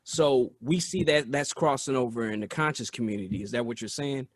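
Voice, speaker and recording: A man's voice: medium pitch, fairly quick, dry recording, clean studio sound. A man hosting a casual interview, laid-back and affirming, using street slang. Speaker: podcast host.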